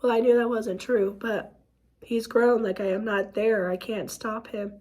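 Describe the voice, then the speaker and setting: A woman with a hoarse, worn voice speaks in a fairly high register, though her pitch stays flat and level. She tells a painful personal story haltingly, with many pauses and fillers. Her comes through plainly. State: hoarse from illness. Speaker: vlogger.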